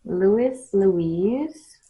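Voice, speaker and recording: A woman giving an improvised mystical tarot reading straight to the viewer, speaking in short, halting phrases with pauses between them. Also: medium pitch, lively intonation, mellow, breathy edge. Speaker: tarot card reader hosting readings.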